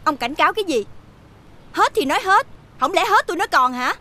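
High, fast, sharp-tongued wife with a retort always ready. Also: female voice, lively intonation, exaggerated voice. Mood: indignant. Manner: sharp-tongued, talks back. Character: sharp-tongued wife talking back to her husband. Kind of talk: TV fairy-tale drama acting.

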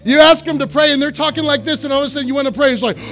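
A male pastor preaching a sermon in a church, repeating phrases for emphasis and swinging from quiet asides to loud exhortation. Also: very high-pitched, very fast. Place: church sanctuary.

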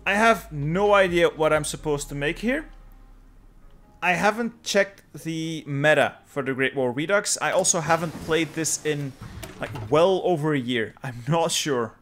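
Faint background music accompanies a young streamer from Flanders, Belgium, whose first language is Dutch. He plays a strategy game while chatting with viewers and muttering to himself, keeping it casual, dry and offhand. His voice runs on the high side, a bit bright and unhurried.

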